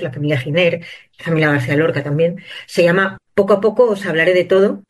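High-voiced man, earnest guest. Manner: earnest, fluent, steady explaining. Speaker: journalist and author guest. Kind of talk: interview answers.

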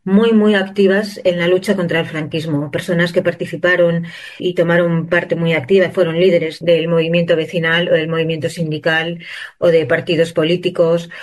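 High-voiced man, earnest guest. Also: moderate pace. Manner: earnest, fluent, steady explaining. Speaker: journalist and author guest. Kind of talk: interview answers.

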